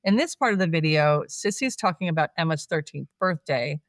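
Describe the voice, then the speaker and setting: A chatty co-host recaps a film in casual conversation, laughing a lot and tossing in animated asides. His medium-pitched voice moves briskly, captured dry on a close mic.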